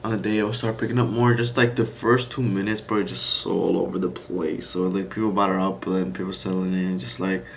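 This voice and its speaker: A man's voice: sits low, flat delivery, brisk, gravelly, few pauses, slight background noise. A young man talking loosely on a live trading stream, rambling and saying "bro" and "like" a lot. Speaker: day-trading livestreamer. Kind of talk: casual live-stream chat.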